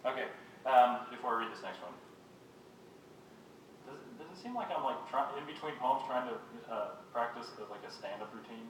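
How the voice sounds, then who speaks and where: A man giving a live poetry reading, reading his own poems in a measured, unhurried way and making wry, self-mocking jokes between them. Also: mid-range voice, animated. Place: reading venue with a live audience. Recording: very echoey room, voice picked up from a distance, faint background noise.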